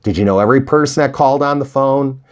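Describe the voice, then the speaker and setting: Talking fast at a medium pitch, this real estate investing coach motivates beginners in a tutorial aimed at viewers. His folksy, emphatic, encouraging style leans on rhetorical questions and animated, acted-out bits of imagined conversation.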